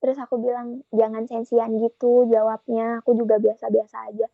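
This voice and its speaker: A woman's voice: on the high side, flat delivery, fairly quick, creaky, dry recording, narrow, tinny audio, faint music behind. A young woman telling a podcast host about her relationship in casual chat, retelling both sides of the conversation. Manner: chatty, retells conversations with quoted dialogue. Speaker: guest sharing a relationship story.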